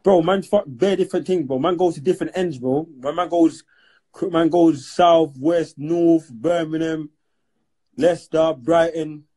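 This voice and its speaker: Husky London man, boastful and slangy. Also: fairly high pitch, a little slow, dark tone. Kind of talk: casual banter on a live stream. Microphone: phone.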